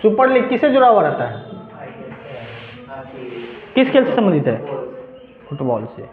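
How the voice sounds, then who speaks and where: A man's voice: high voice, big pitch swings, normal speed. A man teaching a class in speech, asking his students questions and then answering them himself. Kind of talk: classroom lecture. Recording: echoey room on a tinny lo-fi line.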